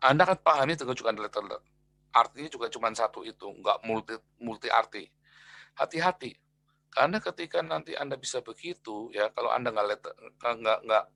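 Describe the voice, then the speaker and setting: Animated, gravelly-voiced preacher man. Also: mid-range voice, no echo. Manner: animated, swings between loud emphatic lines and quiet asides; acts out quoted people in a raised voice. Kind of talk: sermon.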